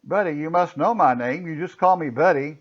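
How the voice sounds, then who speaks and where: Plaintive, befuddled clerk, read by a man; raised pitch, dull lo-fi recording. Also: moderate pace, lightly acted. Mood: bewildered. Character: flustered, simple-hearted grieving motel clerk.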